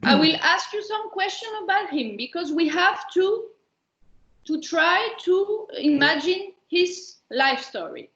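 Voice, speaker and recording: Greek-accented woman presenter, high voice, unhurried, roomy lo-fi call audio. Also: sing-song, gravelly, a bit bright. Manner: slow, questioning, speaks as a child role in first person. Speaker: workshop presenter. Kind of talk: guiding a webinar activity.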